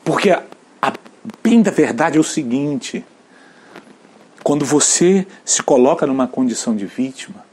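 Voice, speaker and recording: A Brazilian man, a pastor, preaching an earnest sermon, sometimes dropping to a near whisper and sometimes rising to loud emphatic peaks. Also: fairly high pitch, expressive, moderate pace, pauses often, slightly rough.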